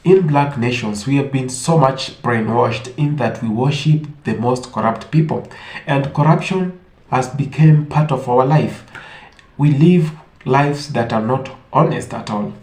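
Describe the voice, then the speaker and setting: An online commentator from Africa gives opinionated commentary, speaking emphatically and posing rhetorical questions. His mid-range voice has a darkish tone and an unhurried pace, recorded in an echoey room.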